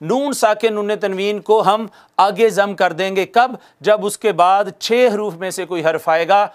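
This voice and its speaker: A man with a high-pitched voice teaches a class the rules of Quran recitation. He works through each rule step by step, asks questions and answers them himself. He repeats Arabic examples slowly and draws them out. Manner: addresses listeners formally. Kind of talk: classroom lesson on tajweed rules.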